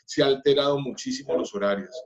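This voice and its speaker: A man's voice: mid-range voice, quick pace. A man from Colombia, a pastor, speaking earnestly about family in a church workshop talk, with light laughs.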